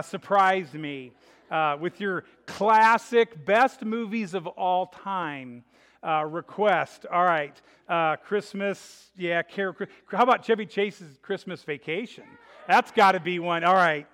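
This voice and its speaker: A man's voice: sits high, slow, fairly bright tone. A man preaching a sermon as pastor, chatty and joking at times, earnest when preaching. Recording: reverberant hall.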